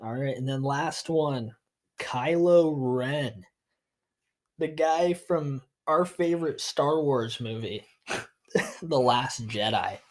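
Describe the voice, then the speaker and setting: A man's voice: mid-range voice, slow. A young man co-hosting a casual podcast, chatty and upbeat, laughing often, while losing his voice. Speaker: podcast co-host. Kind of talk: casual chat.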